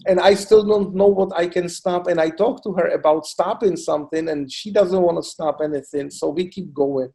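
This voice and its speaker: A middle-aged man from the Republic, a cancer doctor answering interview questions in a halting way, full of "you know" fillers. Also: sits high, vocal fry, dark tone. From Czech Republic. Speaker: oncologist guest. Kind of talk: expert interview.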